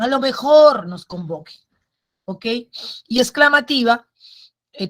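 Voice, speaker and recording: A woman teacher giving an online grammar lesson, patient and explanatory, repeating key points and checking in with short tag questions. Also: mid-range voice.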